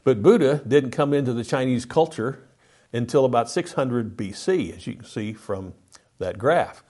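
A man's voice: mid-range voice, lively intonation, moderate pace, mellow. A man teaching a Bible study lesson, walking through slides step by step and reading scripture aloud with emphasis.

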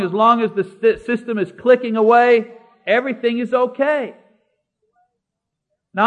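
A man preaching a sermon, slowing down to stress key words and citing scripture by chapter and verse. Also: high voice. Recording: dull lo-fi recording.

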